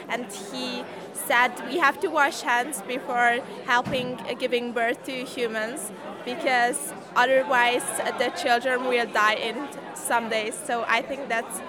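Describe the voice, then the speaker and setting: In a casual interview amid crowd noise, a Hungarian teen student explains her science project in a voice on the high side. She sounds hesitant and keeps restarting, filling gaps with fillers.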